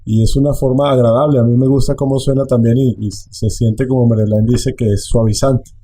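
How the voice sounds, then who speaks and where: A man teaching a language online, explaining slowly and repeating phrases. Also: mid-range voice, steady tone, warm tone.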